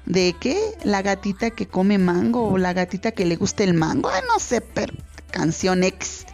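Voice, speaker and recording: Her voice medium-pitched, creaky, and a little mellow at a normal speed, a woman with a Mexican accent hosts a radio show from the studio. She talks casually and earnestly to parents, rambling with many fillers and restarts as soft music plays.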